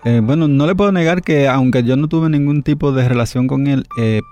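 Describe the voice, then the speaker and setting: A man's voice: medium pitch, a little fast, darkish tone, soft background music. A middle-aged man from the Republic, a radio guest telling memories in a thoughtful, hesitant way with many fillers. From Dominican Republic. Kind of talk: reflective interview storytelling.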